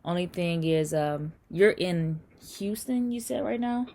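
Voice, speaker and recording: A woman hosting a casual remote interview, friendly and relaxed, with plenty of "um" and "like". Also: on the low side, unhurried. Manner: friendly, relaxed, chatty with fillers. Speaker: interview host.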